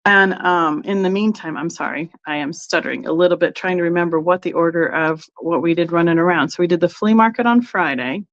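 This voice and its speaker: A woman's voice: fairly low pitch, fairly quick, few pauses, fairly bright tone, muffled recording. A woman hosting a casual live-stream sale, rambling through her trip and greeting viewers by name.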